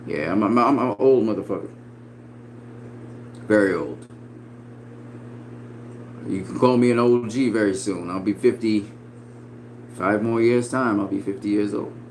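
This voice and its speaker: A man in his forties giving casual, profane boxing opinions, swinging between loud emphatic bursts and quiet asides. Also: lowish voice, measured pace, pauses often, a little hiss or hum, poor audio. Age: 40s. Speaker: boxing commentator.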